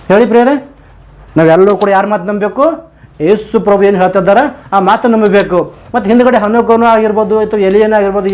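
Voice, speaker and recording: High-voiced earnest male preacher. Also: a little mellow. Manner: earnest, asks the listeners rhetorical questions. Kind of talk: sermon ending in prayer.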